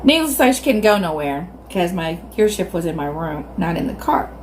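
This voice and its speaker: A woman in her fifties with a Southern US accent, telling a casual, animated story to viewers as she hosts a mukbang, chewing while she talks. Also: on the low side, fairly quick, noisy background. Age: 50s. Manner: animated, acts out quoted reactions. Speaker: mukbang video host.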